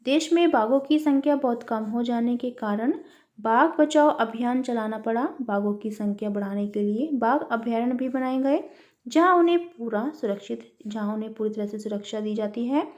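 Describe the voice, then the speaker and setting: A woman's voice: fairly high pitch, normal speed, a little mellow, highs cut off. A woman teaching a worksheet lesson to young children, spelling words out syllable by syllable and calling her listeners beta. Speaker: primary school teacher.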